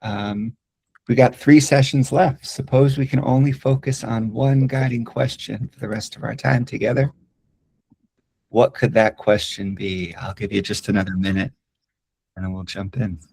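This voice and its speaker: A man facilitating an online community call, inviting people into a check-in round in a relaxed, guiding way. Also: medium pitch, normal speed, creaky, slightly rough, no echo. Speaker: session facilitator.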